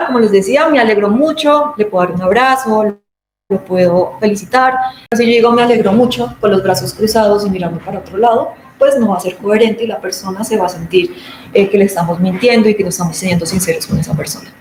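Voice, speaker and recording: Woman, informal lecture, explanatory, mid pitch, roomy echo. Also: quick pace, darkish tone, a little hiss or hum. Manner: explanatory, acts out everyday examples. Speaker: speaker on patient communication. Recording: roomy echo, faint background ambience.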